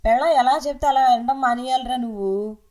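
A woman voicing a meddling older aunt who hands out loud, nagging advice in an audio novel. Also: sits high, fairly quick, pitched above the performer's own voice, natural voice. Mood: scolding.

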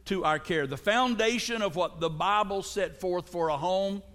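A pastor with a high, slightly bright voice preaches a sermon at a moderate pace, joking with humor and calling out to his congregation. The church sanctuary gives a long, echoing reverb.

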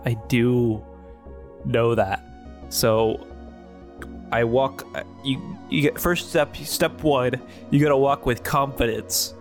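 A man's voice: medium pitch, fairly even intonation, takes it slowly, faint music behind, natural voice. A man playing a bumbling young hero who stammers and hesitates as he bluffs confidence, in a comedy sketch. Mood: unsure bravado. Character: bumbling young male chosen-one hero.

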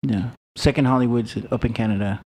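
A man's voice: medium pitch, brisk, a little mellow, a little hiss or hum. A man in casual podcast chat, joking and acting out the people he quotes.

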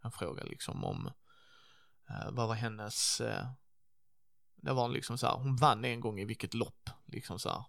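Role-play player, male, bright tone, lively, crude storyteller, dry close sound. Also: medium pitch, gravelly, dry recording. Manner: animated storytelling, lots of swearing. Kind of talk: in-character reminiscing chat.

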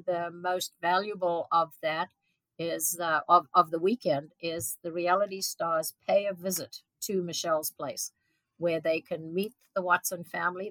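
This is a fairly low-pitched, slightly bright female voice on a rough recording without echo. The speaker, a South African event organizer in her seventies, is an interview guest who answers earnestly but frequently hesitates with ums and restarts.

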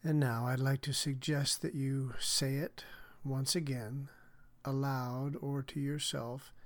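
A man speaking as a hypnotherapist on a podcast, measured and soothing in his delivery. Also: mid-range voice. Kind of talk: guided hypnotic relaxation and explanation.

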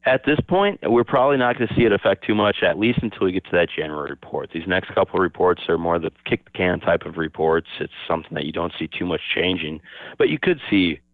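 A man speaking over the phone as a market analyst guest, giving steady, explanatory commentary and opening his answers with "yeah, so". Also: low-pitched, fast, dry recording. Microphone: telephone. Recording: tinny phone line, dry.

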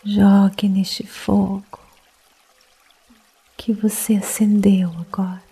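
A woman guiding a sleep meditation in a soft, breathy, partly whispered voice, hushed and calming as if late at night. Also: medium pitch, slow pace. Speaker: meditation guide.

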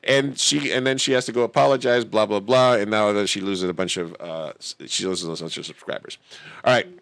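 A man's voice: on the low side, fairly even intonation, brisk, gravelly, a bit bright, no echo. Dry-sounding man hosting a casual chat. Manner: rambling, acts out quotes in silly voices. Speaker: podcast host.

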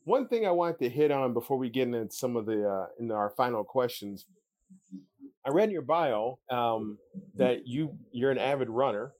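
A man's voice: medium pitch, expressive, moderate pace, a little mellow. A man hosting a podcast, easygoing and plain-spoken as he tells a personal story and asks questions. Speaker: podcast host. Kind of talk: casual interview chat.

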